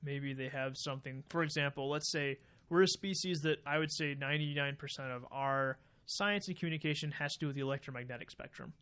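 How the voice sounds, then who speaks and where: A man with a slightly raised pitch, talking casually on a podcast. He muses out loud and builds long explanations, often pausing on fillers. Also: clean tone. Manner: speculative, explaining at length with fillers. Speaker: podcast co-host. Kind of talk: casual chat.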